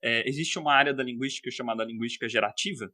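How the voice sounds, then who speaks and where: Podcast guest, male, São Paulo interior accent, brisk explanatory delivery, crisp bright voice. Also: mid-range voice, dry recording, studio quality. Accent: São Paulo interior Portuguese. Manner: explanatory, gives examples, many "né?" tags. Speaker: linguist guest.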